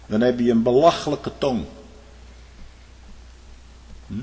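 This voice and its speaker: Male preacher echoing through a church hall. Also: slow. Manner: swings between loud high outbursts and low quiet asides; tags lines with a questioning "hm?". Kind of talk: sermon. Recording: long reverb of a large hall.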